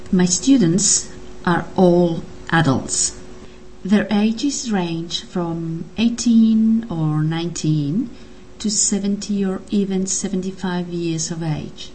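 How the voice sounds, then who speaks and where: A woman, an English teacher giving a clear, measured introduction of her class. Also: on the low side, dark tone, slight background noise, poor audio.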